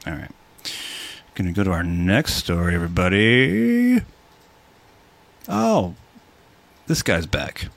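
A man's voice: sits low, big pitch swings, takes it slowly, creaky, pauses often. A man co-hosting a casual entertainment podcast, joking and swearing as he rambles through stories with many fillers. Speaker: podcast co-host. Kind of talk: casual chat.

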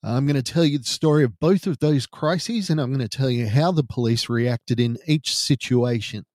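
Podcast host, male, Australian, middle-aged; serious true-crime-style first-person narration, deliberate phrasing, mid pitch, dry recording. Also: a little mellow, no echo.

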